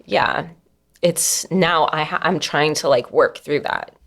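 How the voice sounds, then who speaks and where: A young adult woman speaking as an interview guest, soft-spoken and reflective, with many fillers and nervous little laughs. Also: low voice, slow pace, gravelly. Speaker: anonymous guest. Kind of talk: candid personal interview.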